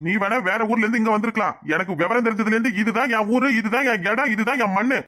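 A man's voice: sits high, quick pace, sharp tone. A man voicing a hot-headed, fiercely loyal young village man in his twenties in a cartoon, defiant and boastful. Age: 20s. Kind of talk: cartoon voice acting.

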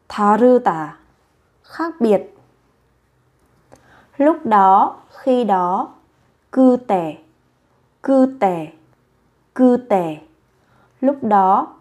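A woman with a fairly high voice drills vocabulary at a very unhurried pace. She says each word three times, shaping every syllable with care, like a patient language teacher. Her delivery is steady and methodical. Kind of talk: vocabulary drill, slow and repetitive.

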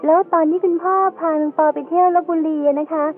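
In an educational radio drama, a woman plays a curious, polite little girl, asking questions in a childlike way with a very high voice, fairly even intonation and a quick pace. She sounds curious and eager. The audio is tinny and band-limited, with faint music underneath.

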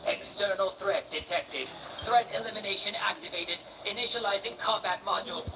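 An actor voicing a damaged combat robot's system voice in a video game, with flat, mechanical announcements. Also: medium pitch, moderate pace, distant mic, background noise, natural voice. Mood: cold.

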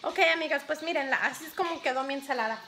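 Woman, 30s, very high voice, chatty vlog, phone at arm's length, noisy recording. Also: fast talker, sharp tone. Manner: chatty, keeps addressing viewers as friends. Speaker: vlogger. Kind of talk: casual chat to camera. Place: home kitchen and car. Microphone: phone held at arm's length.

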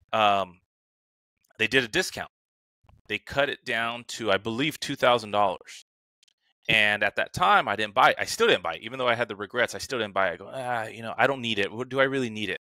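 A man co-hosts a podcast over a remote call, casually telling stories and animatedly acting out his inner dialogue. His voice is fairly low, bright, and forceful, recorded dry.

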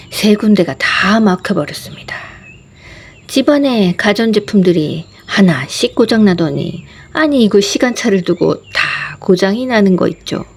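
Mom telling her own story, soft and earnest, drops into whispers sometimes, just talking to the camera. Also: mid-range voice, slightly rough. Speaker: vlogger sharing a personal meditation story; mother and wife. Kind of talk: reflective personal narration.

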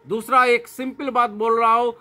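An Indian man in his thirties presents a sales offer to camera. His voice is strikingly high for a man, with a bright, forceful edge. He stresses and repeats his points, mixing in English terms. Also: little pitch movement, normal speed. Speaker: plant nursery seller and channel host. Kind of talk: promotional sales talk to camera. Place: covered open-air yard beside a house.

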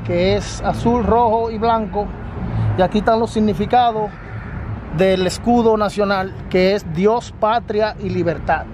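High-voiced Dominican man vlogging outdoors. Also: steady tone, unhurried. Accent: Dominican Spanish. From Dominican Republic. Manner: earnest, repetitive, addresses viewers directly. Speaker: family channel host. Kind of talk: casual vlog explanation to camera. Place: outdoors by a storefront on a city street. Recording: street noise outdoors. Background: city traffic.

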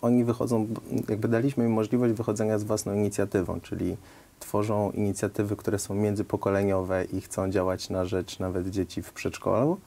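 Young man guest, warm dark tone, monotone, hesitant then quick. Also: fairly low pitch. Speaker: volunteer program guest. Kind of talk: studio interview. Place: TV studio.

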